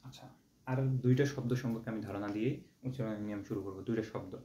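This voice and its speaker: A man's voice: on the low side, steady tone, racing, dark tone. A young man from Bangladesh, teaching an exam-prep lesson patiently, repeating and drawing out syllables to show them. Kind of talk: online exam-prep lecture. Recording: dull roomy home recording with faint hiss.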